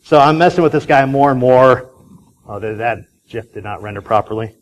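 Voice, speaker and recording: A man's voice: medium pitch, fairly quick, poor audio. Chatty man telling a story on stage. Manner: chatty storyteller, many fillers and restarts. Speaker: conference speaker. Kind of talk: casual conference talk.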